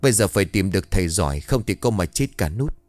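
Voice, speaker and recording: A stern older village builder speaks with weight in a deep, low voice, as a narrator puts him on. He stays solemn and grave, told in a dry, close storybook horror reading. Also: lively intonation, quick pace, no echo.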